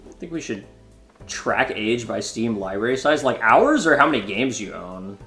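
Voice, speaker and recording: A young man in his twenties runs a live stream of a card game, talking in a loose, joking, chatty way to his viewers. His voice sits at an ordinary middle pitch and rings a bit in a roomy space. Faint music plays underneath. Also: very animated, moderate pace, bright, forceful tone. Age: 20s. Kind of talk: casual live-stream commentary.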